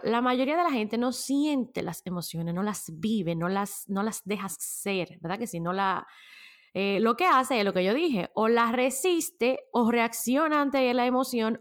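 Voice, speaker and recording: A woman talking casually as a podcast host about handling emotions, chatty, laughing often and tossing in slang. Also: fairly high pitch. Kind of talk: casual self-help talk.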